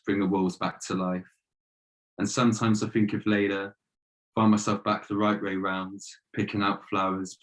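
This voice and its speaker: A young man reads his own poems on a video call, his voice sitting low and staying flat. His delivery is measured and steady and leans on repeated refrains. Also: low-quality recording. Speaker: guest poet. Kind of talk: poetry reading.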